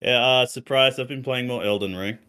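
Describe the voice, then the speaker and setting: A man's voice: mid-range voice, fairly quick, sharp tone, clear, resonant tone. A man, co-hosting a casual gaming podcast, talking in a laid-back, rambling way full of fillers. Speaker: podcast co-host.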